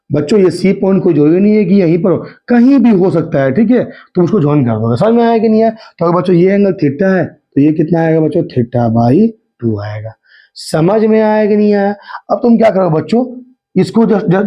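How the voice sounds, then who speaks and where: Male math tutor, slightly hoarse throat, fairly high voice, keeps checking the class understood, dull lo-fi sound. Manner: coaxing, keeps asking the class if they understood. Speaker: math teacher. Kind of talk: Hindi math lesson at a whiteboard. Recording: dull lo-fi recording.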